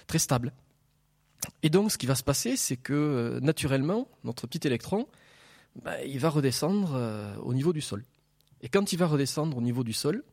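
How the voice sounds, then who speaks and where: Guy with a toulouse accent doing a public science talk, jokey, simple everyday comparisons, mid pitch voice. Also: darkish tone. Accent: Toulouse, southern French. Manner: joking, explains with homely images. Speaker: laser researcher giving a public talk. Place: lecture hall with an audience. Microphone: wired microphone.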